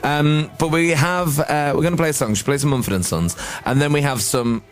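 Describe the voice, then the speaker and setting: A man's voice: fairly quick, soft background music. A young man hosting a radio breakfast show, chatting casually and joking with his team in the studio. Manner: chatty and joking, with lively pitch swings.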